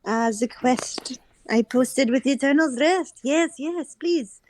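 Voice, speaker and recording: A woman's voice: high-pitched, slow, low-quality recording. A woman voicing an elegant, poised woman who runs an opera house, in a courtly, formal manner with a put-on French accent. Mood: gracious.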